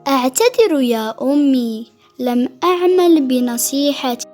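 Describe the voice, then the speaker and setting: Woman doing a squeaky eldest baby chick. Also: expressive, measured pace, darkish tone, soft background music. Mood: eager. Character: bold eldest baby bird, the oldest chick.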